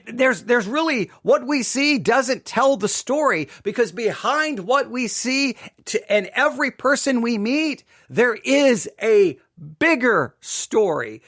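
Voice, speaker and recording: A middle-aged podcast host from Texas, United States, tells a personal story in an emphatic, repetitive monologue, repeatedly asking "right?" to win agreement. His voice is extremely high-pitched and a bit bright, with lively intonation and a slow pace.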